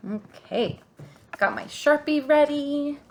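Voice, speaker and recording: There is slight background noise as a kindergarten teacher with a high-sitting voice slowly leads young children through a craft. She talks through every step, thinks aloud, encourages them, and asks the listener questions.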